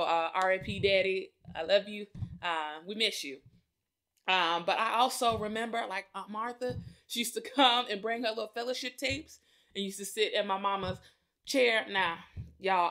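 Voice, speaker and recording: A woman's voice: medium pitch, normal speed, fairly bright tone. A woman hosting a podcast, speaking in a chatty, personal way, calling listeners y'all and laughing often. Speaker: podcast host. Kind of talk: personal reflective address.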